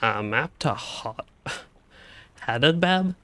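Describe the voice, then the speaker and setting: Here a young gaming streamer with the hiccups chats loosely through his live-stream, musing aloud at a desk mic in a home room. His mid-range voice has lively intonation and sounds pushed and bright. He speaks extremely slowly, and there's no room sound.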